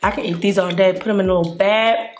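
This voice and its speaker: A woman's voice: medium pitch, steady tone, fast, echoey room, a little hiss or hum. A woman in her thirties hosting a food video, talking with her mouth full in a teasing, bossy, playful way. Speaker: mukbang host eating with her daughter. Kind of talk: casual eating chat on camera.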